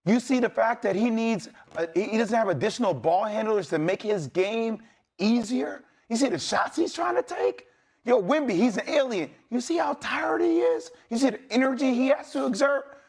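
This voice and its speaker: A man's voice: extremely high pitch, expressive, moderate pace, vocal fry, darkish tone. A man on a sports debate show, fired up and emphatic, rallying a team to stop making excuses. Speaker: sports analyst.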